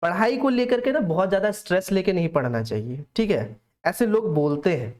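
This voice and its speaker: A man's voice: sits high, expressive, fairly quick, a little mellow. Young male tutor, casual coaxing lecture style, keeps quizzing the class and supplying the answers. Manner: asks questions aloud and answers them himself; coaxing, talks straight to the students. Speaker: accounts teacher.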